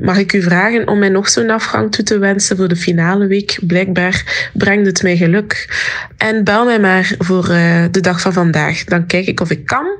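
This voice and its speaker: A woman leaving a dry, teasing voicemail message as a quiz contestant. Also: medium pitch.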